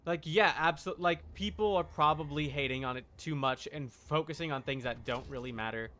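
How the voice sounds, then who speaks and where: A game streamer chats casually while he plays, arguing his opinions emphatically. His voice is slightly high, bright and forceful, and he talks briskly.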